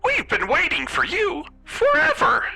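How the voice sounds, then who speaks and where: A shrill, squealing animatronic mouse mascot, sings out his welcome through a crackling speaker, his pitch leaping all over the place. His bright, cheerful tone has gone warped and menacing. Faint music plays behind him. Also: wildly swooping pitch, unhurried, creaky, exaggerated voice. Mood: gleefully menacing. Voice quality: crackling, shrill, sing-song.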